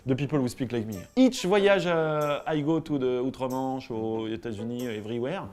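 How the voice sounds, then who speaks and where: A man playing a cocky, bluffing high school English teacher in a comedy sketch, deadpan and self-assured, mixing French with French-accented English. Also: moderate pace, faint music behind, natural voice. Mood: smug.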